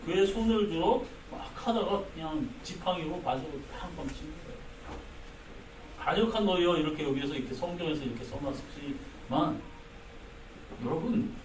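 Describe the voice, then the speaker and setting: Animated pastor preaching in an echoey church. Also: male voice, sits high, a little hiss or hum. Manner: animated, acts out quoted speech. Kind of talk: sermon. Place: church sanctuary. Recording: echoey church hall, mic at a distance.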